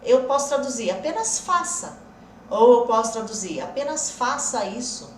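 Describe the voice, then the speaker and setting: A woman's voice: fairly high pitch, expressive, moderate pace, reverberant, recorded from a distance, slight background noise. A woman teaching an English lesson on a live stream, explaining patiently, answering viewer comments and laughing often.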